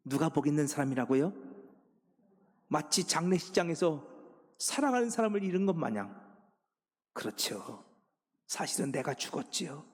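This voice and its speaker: A man preaching a sermon as senior pastor, swinging from hushed pleading to loud, emphatic exhortation. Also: a little high, animated, moderate pace, long pauses, breathy edge. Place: church sanctuary. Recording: long reverb of a church sanctuary.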